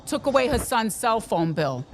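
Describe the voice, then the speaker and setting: Woman podcast co-host, high lively delivery, emphatic and opinionated. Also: normal speed. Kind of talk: casual political chat.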